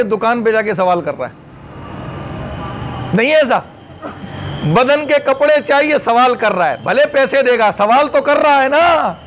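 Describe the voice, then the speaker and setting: A man's voice: extremely high pitch, a bit bright, slight background noise. A man with a Pakistani Urdu accent preaching a religious sermon, emphatic, repeating phrases and asking rhetorical questions. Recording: dull lo-fi recording.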